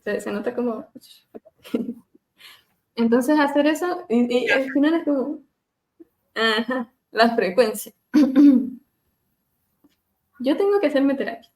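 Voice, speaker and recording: A woman speech therapist leading a webinar on voice care, gently demonstrating hums and glides over a video call and laughing at herself now and then. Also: high-pitched, slow, pauses often. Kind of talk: live webinar lesson on vocal exercises.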